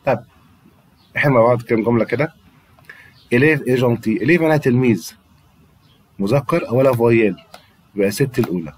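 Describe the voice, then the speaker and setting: Husky Egyptian man teaching French. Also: medium pitch, fast talker, pauses often. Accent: Egyptian Arabic. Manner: explains patiently, drills words by repeating them. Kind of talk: classroom-style grammar lesson.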